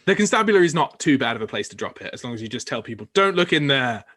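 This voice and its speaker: A man narrating as game master of a tabletop game, halting with many fillers and restarts. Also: medium pitch, big pitch swings, slightly rough. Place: home recording for a podcast.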